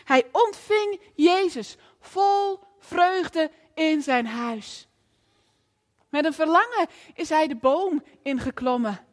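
A woman preacher delivering a lively storytelling sermon in a church, often asking the audience questions. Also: sits high, slow pace, big-room sound.

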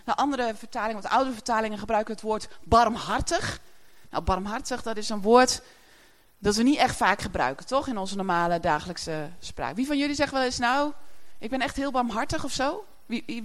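A woman preaching a sermon in a chatty way, often laughing as she speaks to the congregation. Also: fairly high pitch.

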